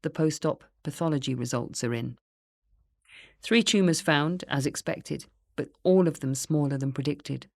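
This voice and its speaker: A woman reading her own memoir in the first person, in a quiet, earnest, reflective way. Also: low-pitched, moderate pace, vocal fry, no echo, studio quality. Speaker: memoir narrator.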